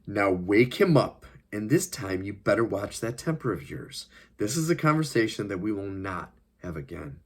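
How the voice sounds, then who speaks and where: A man reading his novel aloud, voicing a polite, formal government agent who threatens his captives in measured words. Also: lowish voice, sing-song. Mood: cold menace. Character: cold, polite, menacing male government agent.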